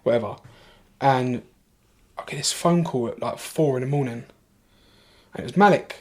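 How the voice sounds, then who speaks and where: A man with a London accent, a podcast guest telling a long story in a casual way, animated, swearing freely and restarting his sentences. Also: mid-range voice, moderate pace.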